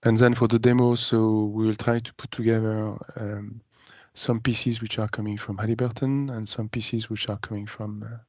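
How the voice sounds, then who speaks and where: A man on a video call explaining a planned demonstration to a meeting, halting often with ums and uhs. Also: fairly low pitch, level tone, darkish tone, no room sound. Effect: heard over a video call. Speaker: meeting participant presenting a demo. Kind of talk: business meeting update. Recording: dry, slightly muffled video call audio.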